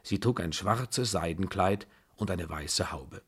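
A man reads a first-person story aloud as an audiobook, in a steady, measured delivery. His voice sits low, with a husky, slightly breathy texture. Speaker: audiobook reader. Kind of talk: scripted first-person narration.

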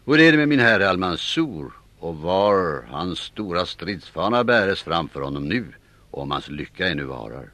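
A man's voice: deep voice, sing-song, sharp tone, no room sound, heavily acted. A man voicing a proud, boastful male Viking warrior with a mocking manner. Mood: hearty. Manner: mocking, bragging.

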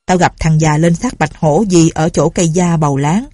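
A woman reading a story aloud, voicing a quick-tempered older male village official who barks orders and accusations. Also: low-pitched, no echo, clean studio sound. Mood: demanding. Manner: shouting, commanding.

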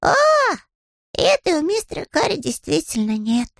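A man voicing a small, polite young male bear who is earnest and naive, in a squeaky, innocent way. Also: big pitch swings, moderate pace, gravelly, no room sound, clean studio sound, exaggerated voice.

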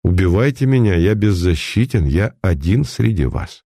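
A man voicing an unflappable police detective, calm and sarcastic, speaking in a measured way, in a dry recording. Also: low voice, creaky, no room sound, heavily acted. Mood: cool.

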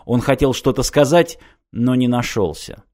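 A man reading a science fiction audiobook in a steady, measured narration. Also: mid-range voice. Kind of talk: scripted narration.

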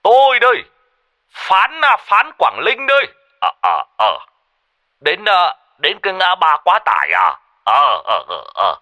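A man's voice: sits high, huge pitch swings, a little slow, pushed and bright, voice pushed up, heavily acted. A man voicing a jovial old man, chatting with hesitant fillers.

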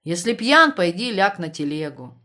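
A woman's voice: on the low side, very animated, moderate pace, bright, forceful tone. A woman voicing a restrained male political officer who speaks firmly. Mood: stern.

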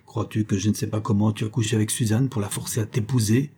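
A man's voice: on the low side, fairly even intonation, quick pace, dark tone, slightly rough. A man reading an audiobook, voicing a furious, betrayed woman who scolds her lover with indignant scorn. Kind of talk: audiobook character voice.

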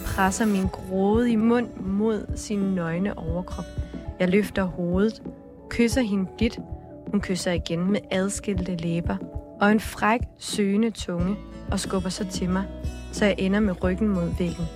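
Steady-voiced woman podcast co-host. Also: mid-range voice. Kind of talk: reading an erotic story aloud, then casual chat. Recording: background music bed.

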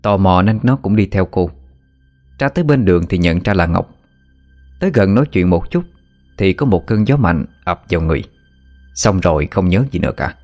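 A male storyteller, reading a spooky tale steadily. Soft music plays faintly under his narration. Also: low voice, expressive, normal speed, long pauses. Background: faint background music.

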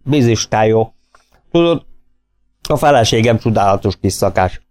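A man doing a booming, jovial host. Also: expressive, a little mellow, natural voice. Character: hearty, generous, overbearing middle-aged male host. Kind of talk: audiobook character voice.

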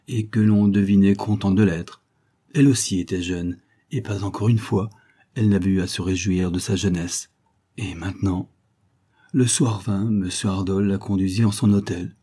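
A man narrating a classic short story as an audiobook, in a measured, expressive way. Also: lowish voice.

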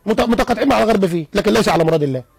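A man with an Egyptian accent, a guest psychologist on a radio interview, explaining in an animated way with stories and rhetorical questions. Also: sits high, very fast, vocal fry, a crowd in the background.

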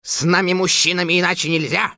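Fairy-tale audiobook: a henpecked old sorcerer, voiced by a woman who hems and stammers, with a bright, sharp edge and a dull, lo-fi sound. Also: fairly low pitch, steady tone, a little fast, dry recording. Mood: explaining. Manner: hesitant, hemming and fumbling. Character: old male sorcerer Koschei, fussy, henpecked. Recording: dull lo-fi recording.

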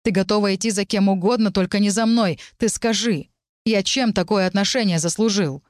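A woman voicing a young male necromancer who speaks low, restrained and cutting. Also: brisk, no echo, clean studio sound, lightly acted. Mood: restrained, cold. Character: tense young male necromancer, cool and defiant.

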